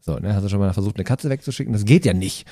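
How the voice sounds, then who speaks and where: Male comedian guest, low dark voice, chatty anecdotes full of fillers. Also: racing, no room sound, studio quality. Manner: animated, many fillers, acts out voices. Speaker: guest, stand-up comedian and hairdresser. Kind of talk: comedic storytelling in conversation.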